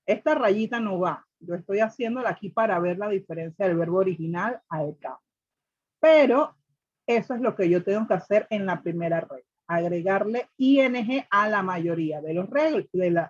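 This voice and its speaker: Husky-voiced woman teaching a class. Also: mid-range voice, highs cut off. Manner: explains step by step, repeats rules, asks the class questions. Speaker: English teacher. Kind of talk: classroom grammar lesson.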